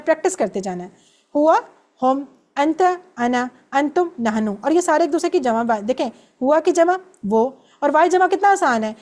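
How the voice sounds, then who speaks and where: A woman's voice: high voice, darkish tone. A woman teaching an Arabic class, patiently drilling words by repetition. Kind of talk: online class lesson.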